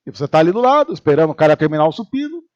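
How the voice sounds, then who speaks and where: Lively, high-voiced man preaching. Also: racing, lo-fi sound. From Brazil. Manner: animated storytelling, acting out quoted voices. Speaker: pastor. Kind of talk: humorous sermon. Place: church.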